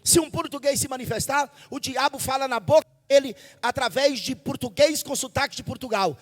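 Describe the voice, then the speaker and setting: Brazilian pastor guy, really high voice, yelling and repeating lines at the church crowd. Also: moderate pace, long reverb tail. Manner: fervent, shouting, repeats phrases for the congregation. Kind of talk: Pentecostal sermon. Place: church service. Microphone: handheld microphone.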